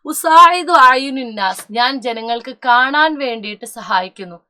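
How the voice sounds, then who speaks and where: A young woman teacher with a high, bright voice gives an online lesson at an unhurried pace. She questions her students, calls them children and answers for them, mixing in English words and correcting herself now and then. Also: animated.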